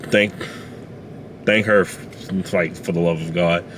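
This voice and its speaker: Man, very deep voice, halting emotional storytelling, parked car, faint background hiss. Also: steady tone. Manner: halting, many "like" fillers and restarts. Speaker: vlogger sharing a personal testimony.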